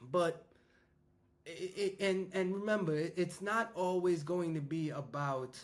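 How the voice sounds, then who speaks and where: A man's voice: high-pitched, measured pace. Rambling fifty-year-old New man. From New York. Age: 50s. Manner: rambling, conversational, frequent restarts and fillers. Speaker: business coach and school founder. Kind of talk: casual monologue to an audience.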